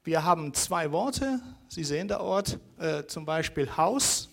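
A man's voice: on the high side, expressive, unhurried, vocal fry. Hesitant lecturing man. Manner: hesitant, many fillers, rhetorical "ja?" checks. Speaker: university lecturer.

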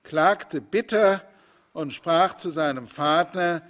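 A man narrates an old scripture tale at an unhurried, deliberate pace. His voice sits a little high for a man. He pauses now and then to hesitate or add a casual remark. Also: fairly bright tone. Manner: slow, deliberate, with small hesitations. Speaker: storyteller. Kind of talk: reading a Bible story aloud with asides.

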